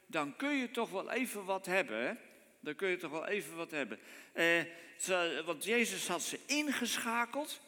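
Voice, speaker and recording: A man preaching a sermon, telling a Bible story and speaking straight to his listeners with lively asides. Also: high-pitched. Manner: animated storytelling, addresses listeners directly with frequent "hè?". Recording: long hall reverb.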